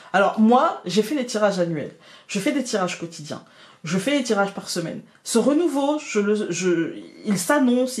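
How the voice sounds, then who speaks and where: Woman, Picard accent, tarot reader, hesitant with fillers, echoey room. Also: medium pitch. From France. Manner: hesitant, many fillers and restarts, addresses viewers directly. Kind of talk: weekly card reading guidance.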